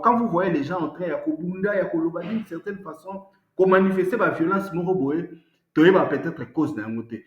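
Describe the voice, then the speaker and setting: A man's voice: fairly high pitch, roomy sound, muffled recording. A man hosting online news commentary, talking in a rambling, conversational way. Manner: rambling, code-switching commentary. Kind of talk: casual commentary.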